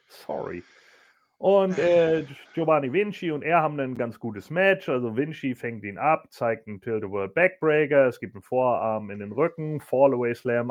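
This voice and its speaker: A man's voice: medium pitch, narrow, tinny audio. Chatty man rambling through a recap. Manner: rambling, with many fillers and acted quotes. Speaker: podcast host. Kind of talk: casual recap chat.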